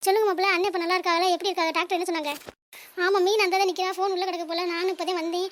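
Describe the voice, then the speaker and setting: A woman voicing a worried middle-aged mother with a sped-up, squeaky cartoon voice. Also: little pitch movement, racing, a bit bright, slight background noise. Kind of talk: cartoon family drama.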